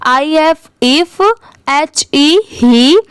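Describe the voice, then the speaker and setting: A woman teaching English reading, spelling each word letter by letter, then saying it slowly and asking and answering her own questions. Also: high-pitched, no room sound. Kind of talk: step-by-step spelling and pronunciation lesson.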